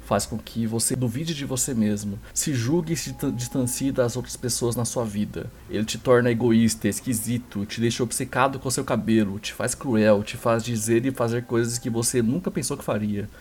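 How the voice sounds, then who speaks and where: A man with a Brazilian accent reading a priest's wedding speech aloud, slow and solemn. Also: medium pitch, darkish tone, slight background noise, voice pushed down, close to an everyday voice. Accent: Brazilian Portuguese. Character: earnest male priest giving a wedding speech.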